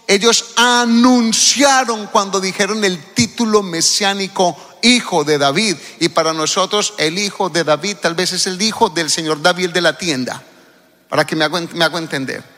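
A man from Colombia, preaching a sermon and calling out to the congregation. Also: high-pitched. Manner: lively, calls out to the congregation. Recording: hall reverb.

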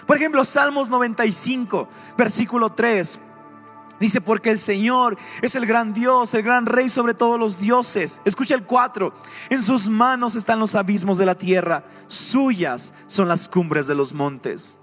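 A man preaching a sermon, animated and questioning his congregation. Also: extremely high pitch, normal speed, in a large hall, faint music behind.

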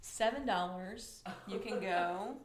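A woman's voice: medium pitch, slow pace, slight background noise. A woman co-hosting a casual sports chat, talking playfully and exclaiming over ticket prices. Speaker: podcast co-host. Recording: echoey room, faint ambience.

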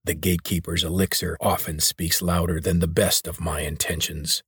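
Weary maimed mutant, gravelly rasp, half-whispered; a man plays him. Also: deep voice, level tone, moderate pace, a bit bright, no echo, clean studio sound, voice pushed down, heavily acted. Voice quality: hoarse, rasping. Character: maimed mutant male leader, weary, rasping.

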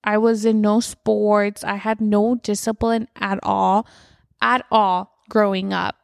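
Woman podcaster rambling at home, kinda gravelly, dry close sound, says like a lot. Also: mid-range voice, little pitch movement, slow, no room sound. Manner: chatty, rambling, frequent "like". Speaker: podcast host. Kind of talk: casual chat. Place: inside her house at night.

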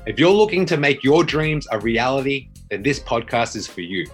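A man's voice: big pitch swings, moderate pace, slightly rough. Guy doing a hype podcast intro, faint music under it. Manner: motivational, repetitive pitch. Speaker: podcast host.

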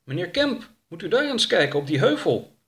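A man's voice: high-pitched, big pitch swings, normal speed, pitched above the performer's own voice. A man voicing an eager, obedient young man in a storybook reading, deferential to his boss.

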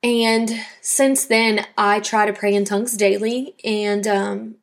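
A woman's voice: mid-range voice, fairly even intonation, takes it slowly, gravelly. A young woman from South Louisiana telling her personal faith testimony on a podcast in an earnest, reflective way. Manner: earnest, reflective storytelling with quoted dialogue. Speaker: podcast host.

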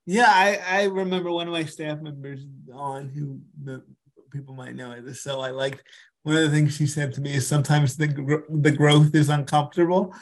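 A man hosts a casual podcast interview in a slightly high, steady voice at normal speed. He is encouraging but repetitive, filling his speech with "like" and "you know."

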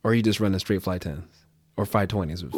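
Male podcast host, lowish voice, dry close sound, eager interviewer who restarts his questions. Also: fast, breathy edge, no echo. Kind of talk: casual interview.

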